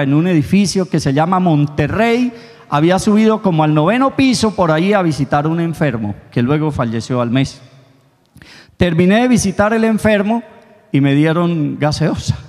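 A man, a priest, preaching a sermon at mass, telling stories animatedly and acting out frightened voices. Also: a little high. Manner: animated storytelling, acts out panicked voices. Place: church. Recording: radio broadcast of mass in a reverberant church.

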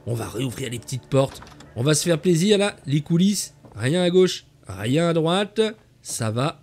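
A man's voice: medium pitch, darkish tone. Chatty Frenchman touring a game build. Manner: enthusiastic, chatty, calls viewers "the kids". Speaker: host of a game channel. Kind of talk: video game tour commentary.

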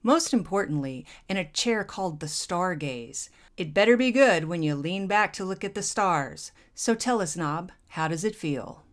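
A woman's voice: on the low side, animated, moderate pace, no room sound. A middle-aged woman co-hosting a casual camping gear review outdoors, playful and joking. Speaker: vlog co-host. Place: outdoors at a riverside campsite.

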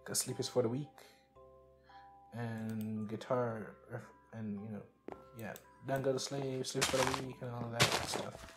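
A man's voice: medium pitch, level tone, a little slow. A man giving casual, rambling gameplay commentary while tired, joking at himself as he plays. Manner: rambling, self-mocking, talks to himself. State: sleepy and tired. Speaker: gaming channel host. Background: faint game music and mouse clicks.

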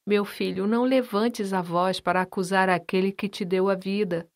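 A woman voicing a gentle, long-suffering noble mother who speaks meekly and plaintively. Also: medium pitch, fairly even intonation, moderate pace, lightly acted. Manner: meek, plaintive and tender.

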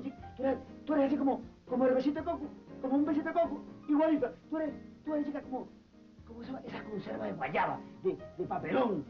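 An actor with a Venezuelan accent playing a flamboyant lovesick man who pleads and sweet-talks in a telenovela. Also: very high-pitched. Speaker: suitor Antonio. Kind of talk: 1990s telenovela acting. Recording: dull lo-fi TV audio with music.

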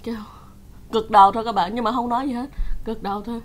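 A woman's voice: fairly high pitch, steady tone, fast. A woman vlogger casually telling her viewers a story, chatty, laughing often and acting out the quotes. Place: home in Canada.

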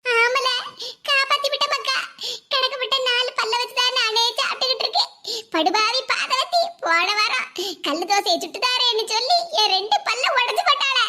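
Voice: extremely high pitch, normal speed, heavy background noise. கீச்சுக்குரல் Kanyakumari பாட்டி. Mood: grumbling. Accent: Kanyakumari Tamil. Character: toothless old mother, grumbling and forgetful. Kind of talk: cartoon voice acting.

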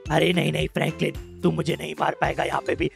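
A man's voice: on the high side, flat delivery, quick pace, vocal fry, faint music behind, voice pushed down. A man voicing a boastful, menacing female shark queen in a gaming video. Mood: taunting. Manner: gloating, then pleading.

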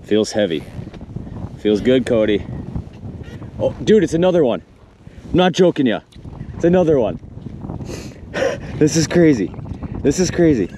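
An excitable young man exclaims and laughs his way through an outdoor fishing vlog. He sounds like he's standing on a frozen lake, with wind rushing across the action camera's mic. His voice sits at an everyday middle pitch. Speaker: fishing vlogger.

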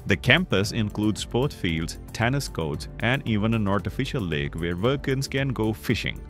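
A man with a fairly low voice narrates an explainer in a relaxed, conversational voice-over. He now and then trips over a word and restarts it. Soft music plays faintly underneath. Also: normal speed. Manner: slips and restarts mid-word. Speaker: documentary narrator.

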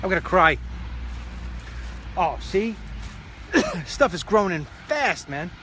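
A man's voice: high voice, very animated, takes it slowly, sharp tone, a little hiss or hum, poor audio. A man hosting a casual walk-and-talk vlog outdoors, chatting and joking as he walks around a pond on his property. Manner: chatty, rambling, joking asides. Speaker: show host.

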